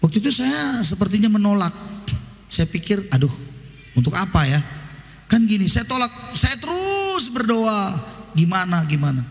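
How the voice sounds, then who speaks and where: A man's voice: high-pitched, big pitch swings, normal speed, a bit bright. A man preaching a sermon at a church service, telling a personal story and acting out the dialogue in it. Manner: storytelling, acts out dialogue in his anecdotes. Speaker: pastor. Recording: long church reverb.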